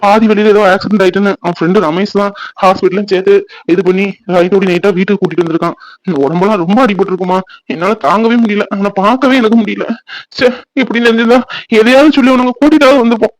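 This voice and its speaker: A man's voice: sits high, steady tone, quick pace, no room sound, close to an everyday voice, poor audio. A man voicing a worried older father-in-law in a cartoon, speaking sorrowfully and comforting. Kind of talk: cartoon voice acting.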